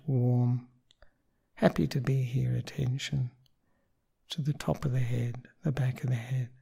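Very slow, husky man guiding meditation. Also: medium pitch. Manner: gentle, unhurried, pausing between short phrases. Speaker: meditation teacher leading a guided meditation. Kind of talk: guided meditation, slow soothing instruction.

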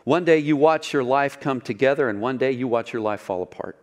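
A man's voice: mid-range voice, fairly quick. A man preaching a sermon in a conversational way, with asides to the congregation and rhetorical questions. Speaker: pastor.

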